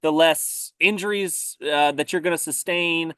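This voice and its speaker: A man talking casually about survival gear, relaxed and often repeating words as he thinks. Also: on the high side, unhurried, clean tone, no echo. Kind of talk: casual conversation.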